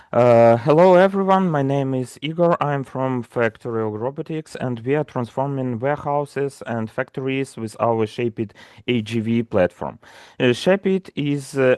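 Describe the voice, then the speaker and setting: A man with a Ukrainian accent, speaking on a video call while sharing his screen. He gives a prepared startup pitch and reads from a script with frequent "uh" fillers. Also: darkish tone, no echo, clean studio sound. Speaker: startup presenter.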